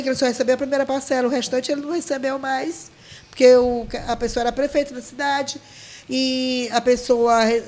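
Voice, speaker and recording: High-voiced woman. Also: darkish tone. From Maranhão, Brazil. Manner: heartfelt, full of restarts and quoted dialogue. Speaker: guest, leader of a folk dance group. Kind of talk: emotional storytelling.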